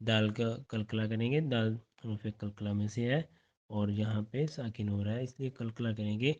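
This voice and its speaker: A man teaching Quranic recitation, slowly chanting verses and then quickly explaining pronunciation, often repeating words and checking that students follow. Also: lowish voice, darkish tone. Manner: alternates slow drawn-out recitation with quick explanation.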